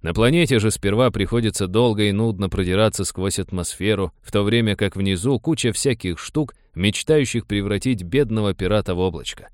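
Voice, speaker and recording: A man narrating an audiobook in a steady, wry storytelling manner. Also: fairly low pitch, a little fast, few pauses, dry recording, clean studio sound.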